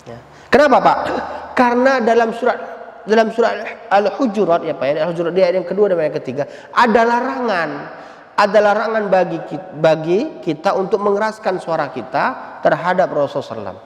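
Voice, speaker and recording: A man giving a lively sermon, often calling his listeners "Pak" and reciting Arabic verses slowly. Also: a little high. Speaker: religious teacher. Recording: echoey hall.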